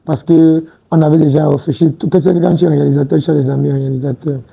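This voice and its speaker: Gravelly, husky man in his twenties. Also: fairly high pitch, steady tone, quick pace, warm tone, poor audio. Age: 20s. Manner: hesitant, repeats words and restarts, says "tu vois un peu". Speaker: interview guest. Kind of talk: casual interview talk. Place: TV studio set.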